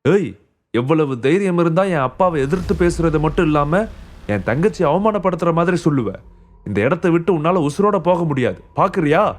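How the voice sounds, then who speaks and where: A man's voice: on the high side, expressive, a little fast, hardly any pauses, lightly acted. A man voicing an arrogant, hot-headed rich young man who threatens in anger, in an audio story. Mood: angry. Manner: angry, threatening.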